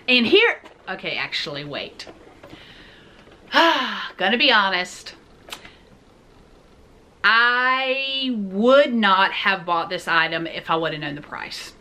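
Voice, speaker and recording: A woman in her forties chats through a shopping haul on her own channel. Her voice sits at a middling pitch with a bright, crisp edge. She jokes and speaks straight to her viewers in a relaxed, talkative way. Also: slight background noise. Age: 40s. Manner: chatty, jokey, talks straight to viewers. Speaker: vlog host. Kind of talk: casual shopping haul chat.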